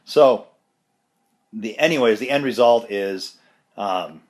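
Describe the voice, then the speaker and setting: A man's voice: lowish voice, takes it slowly. A man sick with bronchitis and a chesty cough gives a casual, rambling, self-deprecating personal update. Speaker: vlogger giving a health update.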